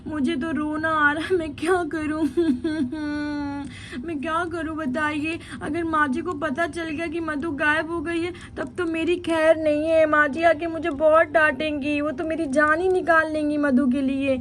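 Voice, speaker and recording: A woman's voice: high-pitched, level tone, normal speed, hardly any pauses, a bit bright, slight background noise. A woman voicing an anxious young village mother in a doll story. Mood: fretful.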